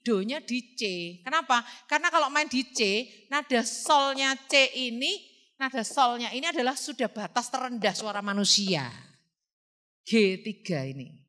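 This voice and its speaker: A woman teaching a music class, singing solfege examples between brisk explanations. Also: a little high, pushed and bright.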